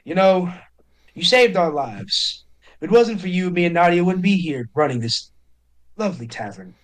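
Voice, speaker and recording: A man's voice: high voice, sing-song, moderate pace, voice pushed up. A man voicing a weary, wary male tavern keeper who scoffs and sounds disappointed. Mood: grudging.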